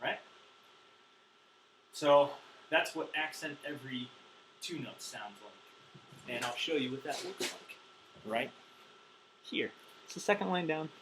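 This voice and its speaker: A man's voice: fairly high pitch, animated, a little slow, pauses often, background noise. A man teaching drums in a loose, chatty way, counting beats aloud with plenty of ums, wired on caffeine. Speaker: drum teacher. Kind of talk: casual instructional talk.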